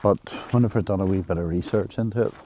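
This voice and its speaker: Walking through nature with a handheld camera, a travel vlogger rambles through a casual vlog, hesitant and full of restarts. He speaks at a quick pace in a low voice with a dark tone. A little hiss or hum is audible.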